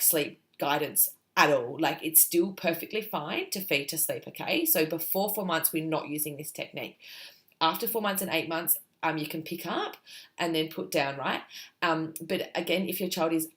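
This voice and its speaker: Reassuring woman giving parenting advice. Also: lowish voice. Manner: relaxed, reassuring, checks in with "okay?" and "right?". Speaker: parenting sleep consultant. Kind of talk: talking-to-camera advice video.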